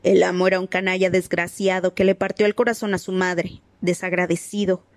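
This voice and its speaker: A woman reads a storybook, voicing a grumbling, spiteful old male house-elf who mutters bitterly under his breath and calls himself by name in the third person. Her voice is lowish, fairly quick, with little pitch movement and light acting. The recording is dry and close, with no room sound.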